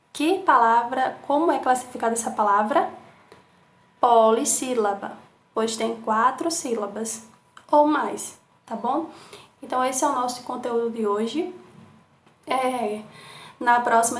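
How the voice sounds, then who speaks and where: Teacher lady, slow careful words, keeps checking everyone's following, sounds a bit roomy. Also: on the high side. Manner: slow syllable-by-syllable enunciation with frequent "tá certo?" checks. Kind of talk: remote class lesson.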